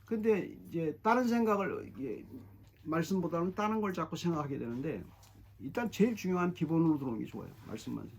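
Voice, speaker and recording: A middle-aged man preaching a sermon as pastor, emphatic and animated, often repeating his phrases. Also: fairly high pitch, fast, creaky, husky. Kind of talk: expository sermon.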